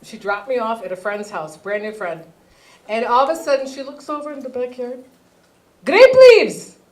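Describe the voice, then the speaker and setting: A woman doing a stand-up comedy set on stage, telling animated stories and acting out her family. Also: a little high, a little fast. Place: comedy theater stage with audience.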